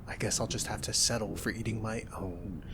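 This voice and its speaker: A young man delivers an intimate ASMR roleplay, his lowish voice soft and gentle as he playfully teases at a brisk pace. A constant hiss sits under the audio.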